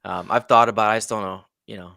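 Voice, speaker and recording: A man recounting a tale as a podcast guest, throwing himself into the quoted lines. His voice sits low and sounds close and dry, with no room around it. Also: quick pace, vocal fry, no room sound. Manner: animated storyteller acting out quotes. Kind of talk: casual storytelling.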